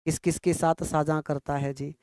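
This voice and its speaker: A young man coaches students for an exam in a rapid, drilling style, repeating each answer and firing questions back at his listeners. His voice sits high and rings clear, recorded dry and close. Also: level tone, darkish tone, no room sound. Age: young adult. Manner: fast, repetitive, quizzing listeners. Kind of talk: fast-paced online exam lesson.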